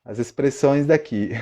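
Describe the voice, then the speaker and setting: Guy teaching on a live stream, slow and mellow, keeps asking if everyone's following. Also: mid-range voice. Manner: chatty, checks in with viewers often. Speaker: Spanish teacher. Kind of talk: live online lesson.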